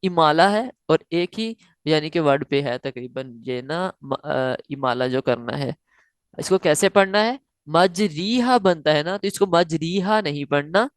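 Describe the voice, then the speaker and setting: A woman teaching Quran recitation in a slow, step-by-step lesson. She explains each rule, then chants the example slowly and repeats it. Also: deep voice, animated, no room sound, clean studio sound. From South Asia.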